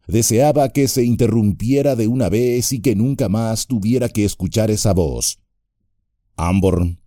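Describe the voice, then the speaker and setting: Male audiobook narrator, mellow low voice, lively delivery, dry studio sound. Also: no echo. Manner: expressive, dramatic reading.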